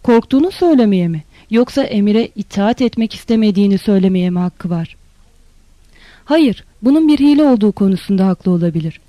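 A narrator voicing a cautious, devout lieutenant who speaks in a measured, reasoning way, in an audiobook reading. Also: mid-range voice, expressive, warm tone, no echo, close to an everyday voice.

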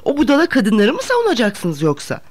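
A woman reading aloud, voicing a shrill, fawning young man who rants loudly. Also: wildly swooping pitch, a little fast. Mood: shouting. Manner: shrill, loud, blustering. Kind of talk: audiobook character reading.

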